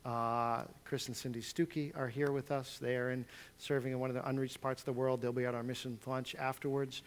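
A man's voice: mid-range voice, little pitch movement, fairly quick, clean tone. A man who is a pastor, giving church announcements and introducing speakers in a conversational way with frequent fillers. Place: church sanctuary.

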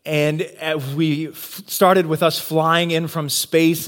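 High-voiced man preaching a sermon. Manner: earnest, pauses for emphasis, rhetorical questions. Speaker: pastor.

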